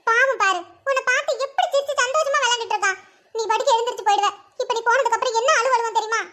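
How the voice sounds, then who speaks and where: A fussing old grandmother in a cartoon, squeaky-high and sharp-edged. She rattles on quickly, coaxing and gently scolding the family in homely tones. The voice is strikingly shrill for an elder. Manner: pleading, chiding, rural Tamil grandmotherly speech. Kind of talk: animated cartoon voice acting.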